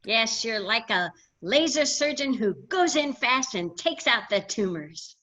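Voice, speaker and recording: An actress playing an earnest, heartfelt nursing-home worker. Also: female voice, on the high side, expressive, unhurried, bright, forceful tone, heavily acted.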